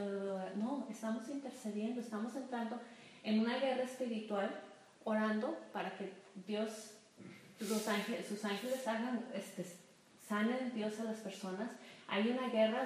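A middle-aged woman gives an informal church talk to a group of women. She teases her listeners and keeps checking in with them, in a voice a bit higher than most women's. The sound is very echoey, with faint noise in the room. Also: recorded from a distance. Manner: lively, teasing, asks "¿sí?" often.

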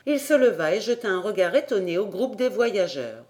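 Lectrice de livre audio, lecture claire et posée, voix de hauteur moyenne. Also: female voice, medium pitch, sing-song, moderate pace, darkish tone. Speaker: audiobook reader. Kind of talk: literary audiobook narration.

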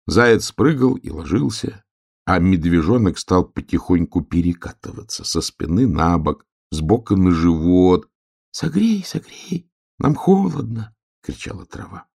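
A man narrating a children's story in a slow, gentle storytelling manner. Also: sits low, creaky.

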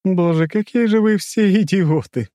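High imperious lady boss, mocking tone, dark warm timbre, dry close sound, a man voicing her, audiobook. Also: moderate pace, no echo, natural voice. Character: commanding amused woman crime boss, adult.

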